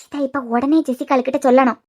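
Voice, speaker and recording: A woman's voice: high voice, level tone, fast talker, a little mellow, pitched below the performer's own voice, close to an everyday voice. A woman voicing a scheming stepmother villain in a cartoon series, muttering and gloating to herself with a Kanyakumari accent. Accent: Kanyakumari Tamil. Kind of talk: cartoon web series voice acting.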